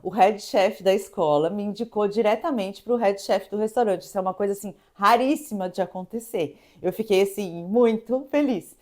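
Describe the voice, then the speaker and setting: A woman from Brazil, in her thirties, telling a personal story in a casual, animated way, acting out scenes and laughing as she goes. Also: mid-range voice, normal speed, few pauses. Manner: animated, laughing, acts out the shouting chef.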